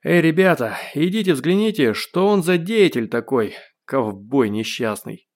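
A man doing a barking loudspeaker guard. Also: a little high, very animated, a little slow, pitched above the performer's own voice. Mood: exasperated. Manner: barking, rough, bossy. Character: gruff male checkpoint guard on loudspeaker. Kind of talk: audiobook character voice.

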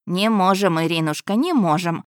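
A woman's voice: fairly low pitch, expressive, moderate pace, no echo, clean studio sound, natural voice. A woman voicing a cold, calculating older noble mother in a storybook reading.

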